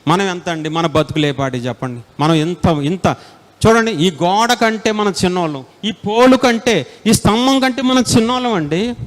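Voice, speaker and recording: High-pitched pastor guy preaching all fired up, soft then loud, big echoey hall. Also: normal speed. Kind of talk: sermon. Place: large indoor meeting hall. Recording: long hall reverb.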